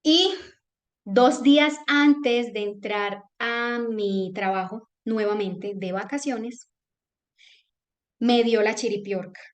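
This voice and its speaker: A woman's voice: on the high side, slow. A woman, sharing a personal testimony with an audience and acting out the voices in her story. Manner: animated storytelling, acts out quoted voices. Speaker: testimonial speaker.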